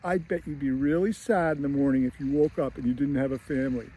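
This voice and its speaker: A man voicing a busy, exasperated mother who talks briskly and firmly. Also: mid-range voice, fairly even intonation, mellow, a little hiss or hum, natural voice, poor audio. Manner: brisk and firm.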